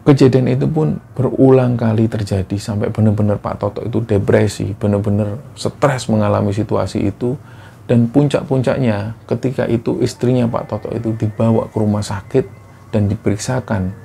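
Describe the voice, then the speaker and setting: Man, horror storyteller, gravelly, dark mellow voice, earnest, repetitive. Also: on the low side, fairly even intonation, normal speed, slight background noise.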